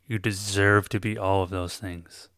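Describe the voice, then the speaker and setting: A man giving a slow guided self-help talk, coaching listeners step by step and often checking in with "okay?". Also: sits low, flat delivery, fairly bright tone, no room sound, studio quality.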